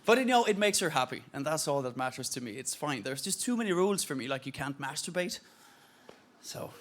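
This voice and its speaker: A man in his thirties from Denmark doing a stand-up set, speaking English with an Irish-sounding accent, animated and quick to break into silly voices. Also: on the high side, background noise. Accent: Danish speaker with an Irish-sounding English accent. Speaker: stand-up comedian. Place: TV studio stage with live audience. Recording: loud audience laughter behind.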